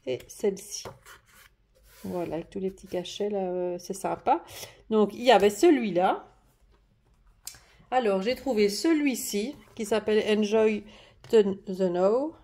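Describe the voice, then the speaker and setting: Unhurried and prone to long pauses, a woman with a mellow, mid-range voice presents craft paper pads in a relaxed home vlog at her desk. She talks chattily yet hesitantly, with plenty of fillers and restarts. Her desk camera gets moved in and out.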